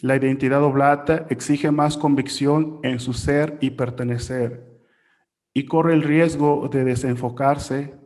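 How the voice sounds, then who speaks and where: A man reading a prepared report aloud at a workshop. His delivery is measured and formal, in a voice of ordinary middle pitch. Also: fairly even intonation, a little mellow. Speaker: workshop presenter.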